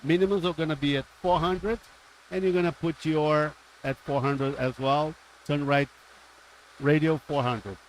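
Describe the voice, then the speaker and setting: A man's voice: fairly high pitch, fairly even intonation, unhurried, slight background noise, poor audio. A man working as a simulator pilot instructor, methodically talking through an approach briefing step by step on a live stream.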